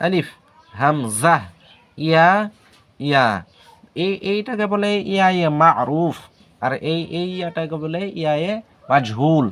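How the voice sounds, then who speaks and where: A man teaching the alphabet in a casual video lesson, patient and hesitant, saying letters aloud slowly one by one. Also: fairly high pitch, a bit bright. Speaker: language teacher.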